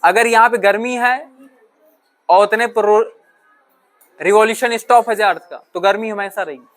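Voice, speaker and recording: His voice is high and a bit bright, and he keeps a moderate pace. This male teacher lectures a classroom, answering the questions he asks, slipping in English terms, and often making sure the students understand.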